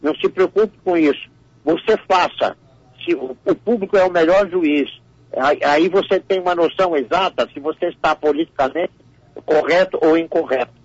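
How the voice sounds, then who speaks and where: Gravelly older man, stammering repeats. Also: a little high, normal speed, dry recording. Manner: repeats words often, storytelling. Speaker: comedian guest. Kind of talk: radio interview. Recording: muffled radio audio.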